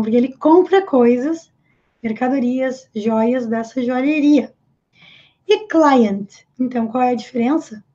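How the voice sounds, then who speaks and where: A woman's voice: sits high, mellow. A Brazilian woman with a Brazilian Portuguese accent who teaches English and patiently explains words step by step. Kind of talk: explanatory language lesson. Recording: slightly dull lo-fi audio.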